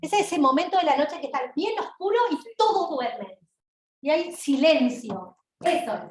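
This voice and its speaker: A woman lecturer with an Argentine accent, giving an animated university talk and asking her audience questions, recorded in a large lecture hall. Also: sits high, normal speed. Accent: Argentine Spanish. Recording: roomy hall sound, mic at a distance.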